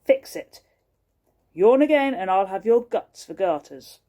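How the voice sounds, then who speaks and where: A woman voicing a stern, menacing hotel housekeeper who scolds in a loud, hissing voice while reading a storybook aloud. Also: mid-range voice, animated, measured pace, natural voice. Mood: scolding.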